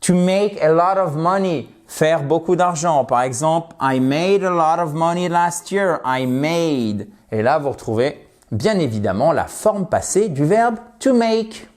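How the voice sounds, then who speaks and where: A man's voice: a little high, animated, a little slow. A man giving an online English lesson, explaining in French and playfully drilling English words by repeating them. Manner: switches between French explanation and English examples. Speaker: English teacher.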